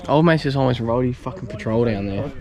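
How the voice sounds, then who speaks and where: A man's voice: medium pitch, fast talker, crowd noise. A man giving blunt, casual, sweary commentary.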